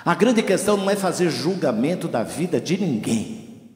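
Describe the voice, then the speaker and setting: A man's voice: a little high, normal speed. A man preaching as a guest pastor in a church, telling a story and acting out its dialogue. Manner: storytelling with lively acted-out dialogue. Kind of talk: sermon. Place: church hall. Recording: echoey church hall.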